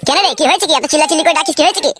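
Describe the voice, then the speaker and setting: A woman's voice: high voice, racing, background noise, natural voice. A woman playing a greedy, gullible young son-in-law in a comic skit. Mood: whiny. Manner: whiny, squabbling, playful.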